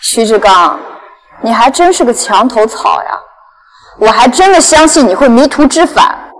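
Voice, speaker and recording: A woman's voice: a little high, animated, moderate pace, noisy background, natural voice. An actress playing a betrayed, indignant young company chairwoman in a short drama, stern and defiant. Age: young adult. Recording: long hall-like reverb.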